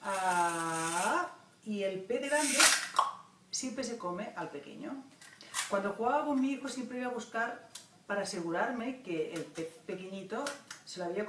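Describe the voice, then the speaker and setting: A woman, a children's book author and illustrator, reflecting thoughtfully in an interview, halting often with "ah" fillers. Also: mid-range voice. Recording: roomy distant mic with faint noise.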